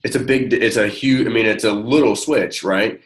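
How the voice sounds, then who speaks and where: A network marketing coach with a low male voice offers one-on-one guidance in a relaxed, encouraging manner. His speech comes in halting, informal bits, looping back as he explains, and his tone holds steady.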